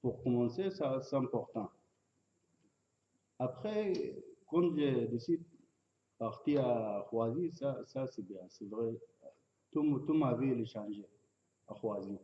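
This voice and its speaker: A man in his thirties from Sudan, with a Sudanese accent, giving personal testimony in halting, broken French as a learner. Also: medium pitch, expressive. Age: 30s. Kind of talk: personal testimony at a public meeting. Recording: dull, echoey room, distant mic.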